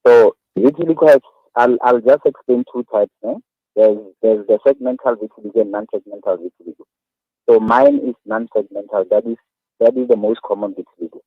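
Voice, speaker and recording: A man's voice: medium pitch, big pitch swings, breathy edge, dry recording, faint music behind. South African man on a tinny phone line. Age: 30s. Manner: earnest, halting, repeats words. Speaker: guest, awareness activist. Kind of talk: phone-in radio interview.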